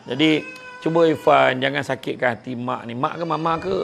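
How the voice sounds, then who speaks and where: A man's voice: medium pitch, normal speed, creaky, noisy background. A man with a Malaysian Malay accent giving a humorous religious talk to a family gathering, teasing the people around him as he speaks. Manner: joking and teasing the audience.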